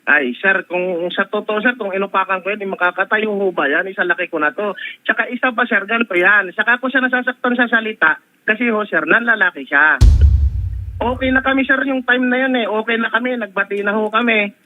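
A man's voice: sits high, fairly quick. A man on a phone call, answering a complaint defensively and calling the host "sir" again and again. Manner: defensive, repeatedly saying "sir". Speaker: husband responding to a complaint. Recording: tinny phone line.

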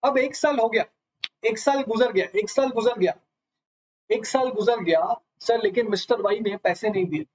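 Over slightly dull lo-fi audio, a man with a high voice teaches a live online lecture at normal speed. He fires question after question at his students and calls them sir.

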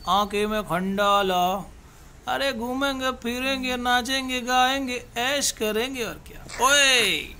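A man's voice: very high-pitched, takes it slowly, pushed and bright, a little hiss or hum. A man talking playfully to his baby daughter, cooing in sing-song, lisping baby talk.

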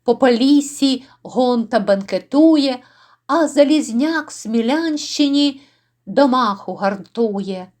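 A woman reciting epic poetry in a solemn, deliberate way. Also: fairly high pitch, lively intonation, a little mellow. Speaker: reader.

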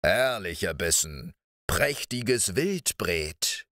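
A man voicing a huge, gruff, man-eating giant in a storybook fairy tale, with a slow, menacing growl. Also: low voice, sing-song, bright, forceful tone, no echo, clean studio sound, full character voice. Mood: gloating.

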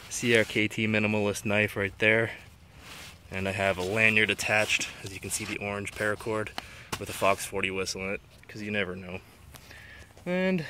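Casual low-voiced man outdoors. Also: pushed and bright, slight background noise. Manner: enthusiastic, plain-spoken. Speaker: angler showing his canoe. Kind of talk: casual walkthrough. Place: outdoors on a lawn. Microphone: handheld phone camera.

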